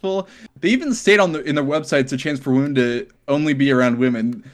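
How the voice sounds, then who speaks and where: A man's voice: medium pitch, a little fast. A man hosting a casual comedy podcast, reading forum posts aloud and laughing often. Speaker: podcast host.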